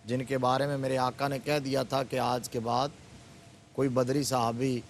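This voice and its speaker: A man's voice: medium pitch, little pitch movement, a little hiss or hum. Fervent male religious scholar on TV. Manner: fervent, building to emphatic exclamations. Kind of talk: religious TV discussion, storytelling. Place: TV studio.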